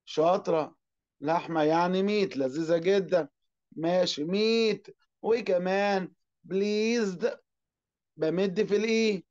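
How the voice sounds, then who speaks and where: A man with an Egyptian Arabic accent teaching an online class. He asks and answers his own questions and draws out English words slowly. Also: high-pitched, a little mellow, dull audio.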